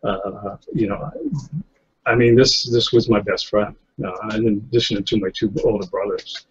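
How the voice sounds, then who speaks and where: A man in his fifties from New England, working as a photographer, rambles through a casual interview on a slightly lo-fi webcam call while seated in an office chair in an indoor room. His lowish voice is unhurried, with slight background noise, and he chuckles often amid many fillers and restarts.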